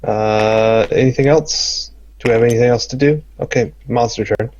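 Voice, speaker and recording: A man running a tabletop game as game master, describing the action in a relaxed way with many fillers. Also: medium pitch, moderate pace, highs cut off.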